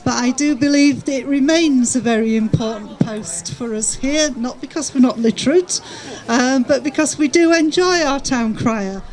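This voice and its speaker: Woman, high voice, mayor's formal address, measured, courteous. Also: a little mellow, rough recording. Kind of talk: formal public speech.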